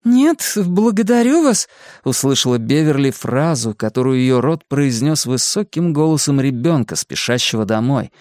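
A man reading an audiobook aloud, with measured scripted narration. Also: mid-range voice, a little mellow, dry recording, clean studio sound. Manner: measured storytelling.

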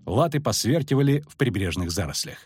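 A man narrating a fantasy audiobook expressively, dropping low and quiet for tension. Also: sing-song, fairly quick, husky, dry recording, clean studio sound. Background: faint background music.

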